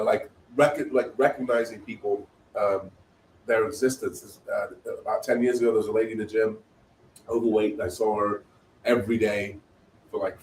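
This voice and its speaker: A man's voice: on the low side, a little mellow. A man as a guest speaker on a spiritual talk show, telling stories in an earnest way and repeating phrases as he goes. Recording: roomy, distant mic, faint noise.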